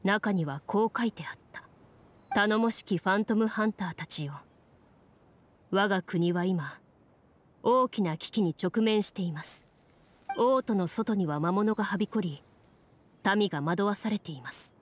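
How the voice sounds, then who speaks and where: A woman with a mid-range, lightly acted voice plays a composed game master in an anime game, narrating solemnly and formally. Her manner is measured, and music plays behind her voice.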